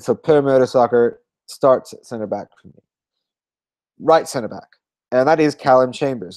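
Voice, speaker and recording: A tired man talks football on a podcast in a mellow, darker voice, rambling along and often correcting himself with fillers. The sound is dry and close, with no room around it. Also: mid-range voice, dry recording. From Australia. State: tired, yawning. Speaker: podcast co-host. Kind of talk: casual football chat.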